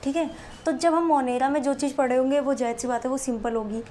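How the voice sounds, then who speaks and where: A woman's voice: sits high, fairly even intonation, quick pace, warm tone, a little hiss or hum. Woman teacher explaining biology to students. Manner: explains step by step, calls students "beta", asks them questions. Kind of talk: Hindi-English classroom lecture.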